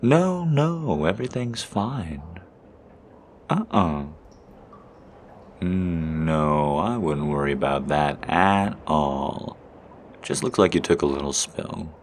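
A man's voice: very deep voice, lively intonation, takes it slowly, pauses often, a little hiss or hum, heavily acted. A man voicing Henry, a cheerful and helpful stranger who chats reassuringly in an audio roleplay. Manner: warm, chatty, reassuring.

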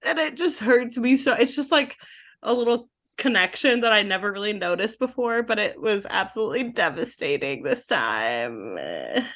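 A woman's voice: mid-range voice, moderate pace. A young woman co-hosting a casual book podcast, giggling often and acting out quotes. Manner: giggly, animated, acts out quotes. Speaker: podcast co-host. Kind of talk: casual chat.

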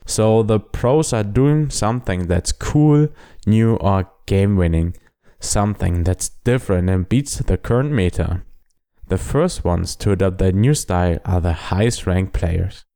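A man's voice: low voice, animated, measured pace, mellow. A young man with a German accent, hosting a solo podcast and earnestly explaining things. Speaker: podcast host.

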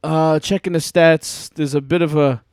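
A man hosting a podcast in loose casual chat, rambling and halting with fillers and profanity. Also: fairly high pitch, fairly even intonation, darkish tone, clean tone, dry recording, clean studio sound. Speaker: podcast host.

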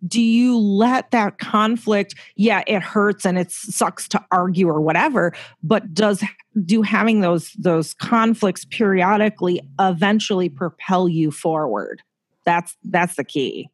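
A woman guest talks openly about her own relationships in a casual interview. Her voice sits at an ordinary middle pitch, and she tells things frankly and with animation. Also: a little slow. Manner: frank and lively, acts out quoted speech. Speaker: podcast guest.

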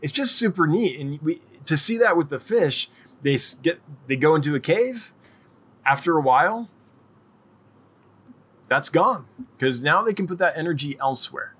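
Man, middle-aged, livestream host, casual chat, friendly, rambling, slightly higher voice. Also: animated, moderate pace, pauses often, a bit bright, breathy edge. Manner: friendly, rambling, answers chat questions, laughs often. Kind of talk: casual live-stream Q&A chat.

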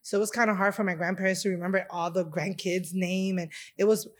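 With a lowish voice, level tone, and quick pace, a restaurant owner from Chicago, USA, speaks as an interview guest. In this casual conversation she describes her heritage heartfeltly, rambling with frequent fillers.

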